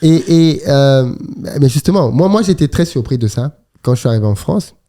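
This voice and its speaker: Host: middle-aged man from Cameroon, warm dark tone, chatty and laughing, casual panel talk. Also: mid-range voice, lively intonation, moderate pace. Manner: chatty, laughs while telling stories.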